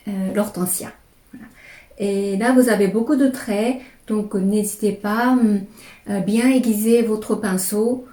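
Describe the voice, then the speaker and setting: Woman slowly walking thru brush strokes, soft mellow voice, echoey room. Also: mid-range voice. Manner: slow, calm, describing each stroke as she writes. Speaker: calligraphy teacher. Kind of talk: step-by-step brush lesson.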